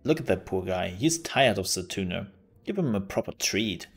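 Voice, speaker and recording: A woman's voice: very deep voice, animated, breathy edge, faint music behind. A woman streaming a game, commenting in a joking, sarcastic way. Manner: sarcastic, joking, slow-spoken. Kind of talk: let's play commentary.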